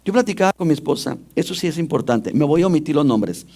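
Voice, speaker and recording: Male pastor, slightly high voice, sermon delivery that keeps questioning the congregation. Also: lively intonation, fast talker, darkish tone.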